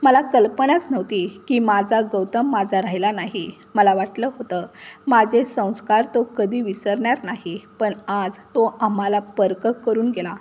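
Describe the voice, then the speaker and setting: A woman's voice: mid-range voice, unhurried, darkish tone, lightly acted. A woman voicing a protective mother-in-law in her sixties who speaks tearfully and with indignation in a told story. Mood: indignant.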